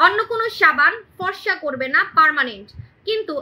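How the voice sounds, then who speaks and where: A young woman pitches products on a phone live stream from her home. Her voice sits very high and sounds strikingly bright as she talks quickly. She hammers the same points again and again and keeps checking in with her viewers. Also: animated. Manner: emphatic and repetitive, keeps asking "right?". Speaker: online shop host selling beauty products. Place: indoors in a room at home. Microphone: phone camera on a live stream.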